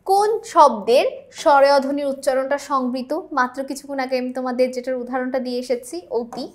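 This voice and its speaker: Young female tutor with a high voice, walks through answers step by step and checks in with the class often. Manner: explains step by step, often asks the class to confirm. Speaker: teacher. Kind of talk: exam-prep grammar lesson.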